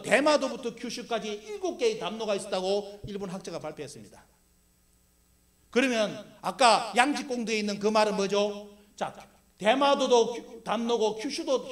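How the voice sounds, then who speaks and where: A middle-aged man giving an emphatic public history lecture with slides, constantly posing rhetorical questions and answering them himself. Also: high voice. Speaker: lecturer for a history civic group.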